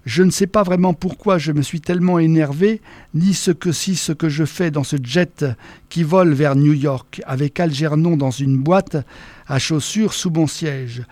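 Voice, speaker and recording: A man giving a measured, expressive first-person reading of a novel as an audiobook narrator. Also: fairly high pitch, no room sound.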